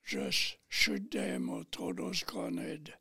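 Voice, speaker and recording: Speaking plainly and haltingly in non-native English, a war veteran from Paris in his late nineties shares personal memories as an interview guest, taking his time between phrases. His voice is high, sharp, raspy, thin and breathy, very husky with heavy fry and wildly swooping pitch. The studio-quality recording has no echo.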